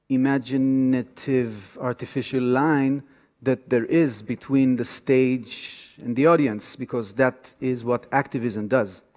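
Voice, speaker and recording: His voice slightly mellow and medium in pitch, a Tel Aviv-born activist delivers a casual public lecture woven with personal storytelling. He speaks haltingly as a guest lecturer on stage in a large, reverberant theater auditorium.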